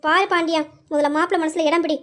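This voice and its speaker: A woman's voice: very high voice, flat delivery, quick pace. A woman voicing a scheming middle-aged mother who coaxes her son in an amateur audio drama. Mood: coaxing. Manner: coaxing, conspiratorial.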